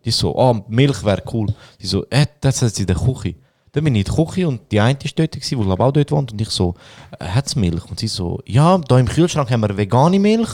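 A man's voice: mid-range voice, expressive, a little fast, a little mellow. A young man with a Swiss German accent, a podcast co-host who tells casual stories, acts out quotes and laughs often. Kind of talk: casual storytelling chat.

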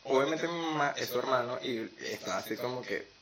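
Venezuelan guy chatting, slangy and animated, lots of background chatter. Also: medium pitch, brisk. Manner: animated storytelling with slangy asides. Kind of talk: casual chat.

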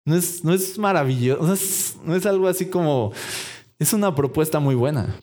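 A man preaches with a fairly high voice. He acts out little imagined exchanges and keeps turning to the listeners with questions, slowing down on the scripture lines he wants to stress. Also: warm tone. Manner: acts out imagined dialogue, asks the congregation questions. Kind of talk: sermon.

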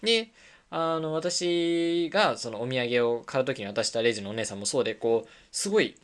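A woman's voice: very deep voice, moderate pace. A young adult woman hosting her own talk radio show, telling stories casually and acting out the lines of people she met. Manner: animated storytelling, acting out quoted lines.

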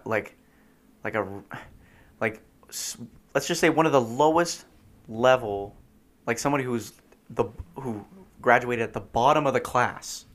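A young man co-hosts a casual podcast, his mid-range voice fairly bright. He rambles through his stories with plenty of fillers and laughs as he tells them.

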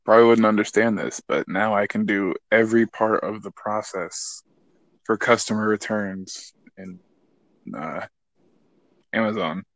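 A man's voice: on the low side, steady tone, measured pace, a bit bright, dry recording. A young man in casual chat, laid-back and jokey, swearing freely.

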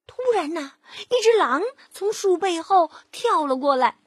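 A woman reading a picture book aloud to a child, with gentle, drawn-out storytelling and lively emphasis. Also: extremely high pitch, no room sound, studio quality.

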